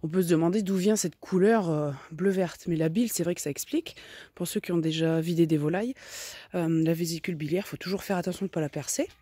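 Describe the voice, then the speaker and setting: A woman talks casually outdoors about her chicken coop and garden, explaining each step in a chatty way full of little tag questions. Her voice is mellow and a bit breathy. The sound is close and dry. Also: lowish voice, fast, no room sound. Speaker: vlogger keeping chickens and a garden.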